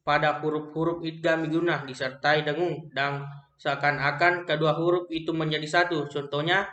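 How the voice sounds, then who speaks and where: A young man with an Indonesian accent reads a lesson on recitation rules aloud, slowly and haltingly, often restarting words. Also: fairly high pitch, flat delivery, pushed and bright. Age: young adult. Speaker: student presenting an assignment. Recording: echoey room.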